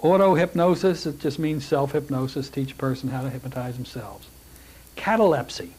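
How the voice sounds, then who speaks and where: A man's voice: mid-range voice, moderate pace, slight background noise. Joking hypnosis teacher, a man lecturing. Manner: relaxed, joking, with frequent restarts and fillers. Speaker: hypnosis instructor. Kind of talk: classroom lecture with demonstrations. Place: classroom.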